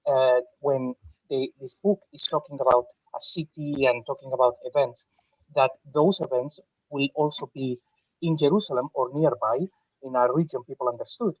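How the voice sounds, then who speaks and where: A man's voice: medium pitch, steady tone, moderate pace, no room sound. A man speaks bluntly and emphatically in a casual online discussion, heard through a muffled headset mic that sounds underwater. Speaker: panel guest.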